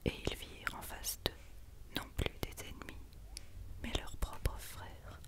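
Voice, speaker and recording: A woman reads a Christmas story as ASMR in a breathy, unvoiced whisper, hushed and quiet as if at night. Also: measured pace. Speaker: ASMR reader.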